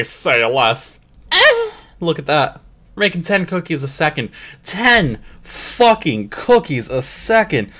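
A young man rambles through a clicker game in crude, profane, joking commentary. His pitch swings all over the place and often jumps into a squeaky high voice for a gag. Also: sharp tone. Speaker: gameplay commentator. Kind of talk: comedic let's play commentary.

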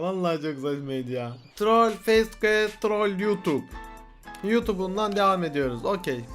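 A young man doing casual let's-play commentary, excitable, laughing often and shouting in frustration. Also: sits high. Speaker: gaming youtuber. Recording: faint game music behind.

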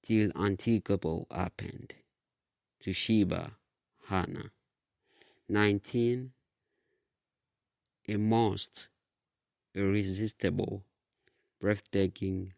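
A man reading his own story aloud in a slow, halting way with restarts. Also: deep voice, fairly even intonation, gravelly, darkish tone, no echo, clean studio sound. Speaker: author reading his book. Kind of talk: storybook narration.

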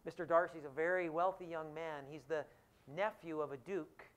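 A man, an economics professor, giving a public lecture in an animated storytelling way, with acted-out quotes. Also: a little high, normal speed.

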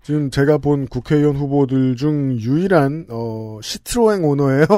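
A man's voice: medium pitch, normal speed, dark tone, no echo, studio quality. A man hosting a casual political talk show, making wry, joking asides. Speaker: podcast host.

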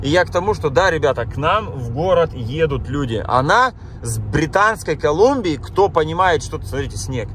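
Driving through town, a vlogger chats casually with his viewers and keeps exclaiming at what he sees; he was born in Kazakhstan, has lived in Germany, and speaks Russian with an accent from both. His fairly high, fairly bright voice is expressive and moves at normal speed with few pauses, over slight background noise.

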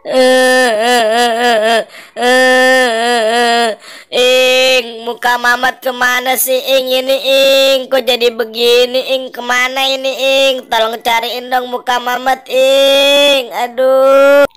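A woman's voice: high voice, level tone, slow pace, a bit bright, clear, resonant tone. A woman voicing Mamat, a male ondel-ondel puppet who cries and pleads after losing his face. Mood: whimpering. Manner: whiny, pleading, sobbing "eh eh".

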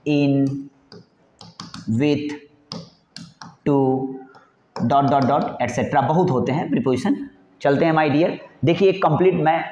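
A man teaches an exam-prep grammar lesson in a fairly high voice. He coaxes students along, asks questions and answers them himself, repeating every point. The sound is echoey and dull, like a lo-fi recording in a bare room. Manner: repetitive, coaxing, asks and answers own questions.

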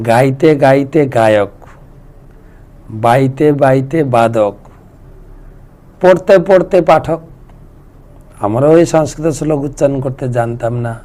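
A man's voice: mid-range voice, dark tone. A man, a monk who reads out devotees' questions and answers them with homely examples in a devotional talk.

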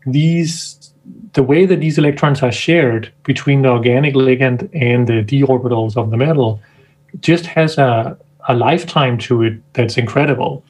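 A Danish scientist guests on a video-call interview, speaking thoughtfully and casually, searching for words and often restarting sentences. His mid-range voice is husky and a little mellow, and the audio is poor.

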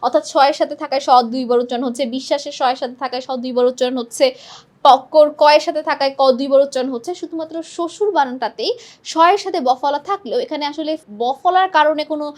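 Brief: young woman tutor, high voice, brisk exam-prep lesson, keeps asking and answering. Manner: quizzing students, answering her own questions. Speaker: teacher.

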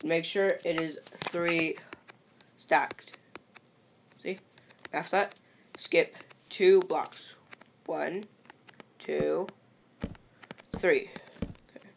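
Slow, gravelly woman explaining a game. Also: sits low, fairly even intonation. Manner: patient instructions, repeats "perfect" and "see?". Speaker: game tutorial maker. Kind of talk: step-by-step game tutorial voice-over. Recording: noisy home recording with clicks.

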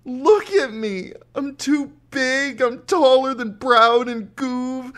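A man's voice: slow pace, a bit bright, full character voice. A man voicing a tall young woman who sobs and pleads about her looks in a storybook reading. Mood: distraught. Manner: high sobbing pleas.

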